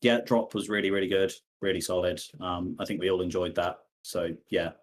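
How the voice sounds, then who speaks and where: Low-voiced English man, relaxed host. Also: brisk. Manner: relaxed, frequent fillers, hesitant. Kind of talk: casual livestream chat.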